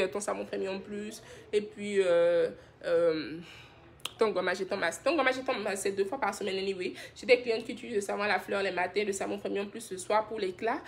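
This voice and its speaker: A woman from Benin, hosting a live stream and chattily answering viewer comments about skincare. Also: medium pitch. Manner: chatty and affectionate, laughs often, reads comments aloud. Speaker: skincare brand host.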